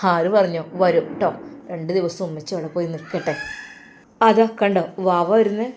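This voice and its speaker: A woman voicing a gentle young father who soothes his children with soft reassurance, in a Malappuram accent. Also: fairly low pitch, moderate pace, a little hiss or hum, pitched below the performer's own voice, natural voice. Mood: soothing. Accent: Malappuram Malayalam.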